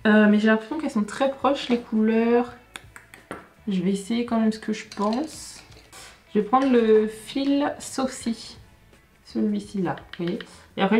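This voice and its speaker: A woman's voice: medium pitch, unhurried, a little mellow. Young woman beauty vlogger, casual thinking-aloud chat, hesitant and self-correcting; roomy echo, faint music bed. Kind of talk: casual makeup tutorial chat.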